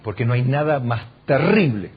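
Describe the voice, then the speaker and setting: In lo-fi audio from a church hall, a man with an Argentine Spanish accent delivers a sermon at normal speed, his medium-pitched voice carrying a breathy edge. Preaching animatedly, he questions the congregation rhetorically and performs the voices of characters in the stories he tells.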